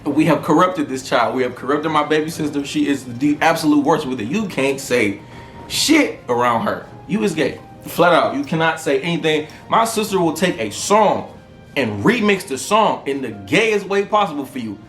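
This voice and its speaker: A man in his thirties with a fairly high voice. He talks through a casual, profane comic monologue with bursts of laughter. The room sounds echoey, with faint music behind him. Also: normal speed. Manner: animated, profane storytelling with frequent laughter. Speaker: podcast host. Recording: roomy echo with faint music.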